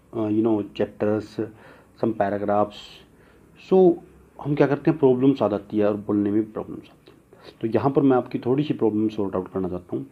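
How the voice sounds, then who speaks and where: A man's voice: fairly low pitch, highs cut off. A man teaching English pronunciation in a tutorial. He mixes Hindi and English, asks his own questions, answers them, and repeats key words. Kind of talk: classroom-style tutorial.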